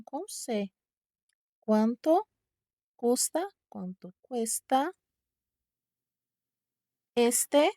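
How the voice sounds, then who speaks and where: A Brazilian woman explains a Spanish lesson at an unhurried pace, with a gravelly edge in her mellow voice. She is patient and checks in with her students after every point. The sound is dry and close. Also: on the high side, dry recording. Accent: Brazilian Portuguese. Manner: patient, repeats words slowly, checks with "tá?". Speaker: Spanish teacher. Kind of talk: online language lesson.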